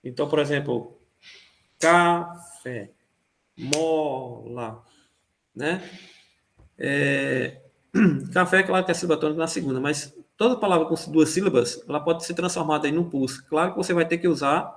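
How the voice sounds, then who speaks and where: A man's voice: fairly high pitch, fairly quick, gravelly, a little hiss or hum. Hesitant man teaching a music class. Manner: hesitant, many fillers and "né?" checks. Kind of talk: online class review. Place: online class.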